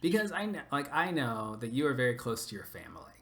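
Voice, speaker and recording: A man's voice: medium pitch, sing-song, fast, vocal fry, sharp tone. A man hosting a casual podcast interview, asking curious, probing questions. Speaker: podcast host.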